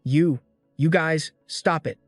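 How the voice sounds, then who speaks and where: A man's voice: fairly high pitch, takes it slowly, no echo, faint music behind. A man voicing a timid, easily frightened young male student who stutters. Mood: scared. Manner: stuttering, fearful.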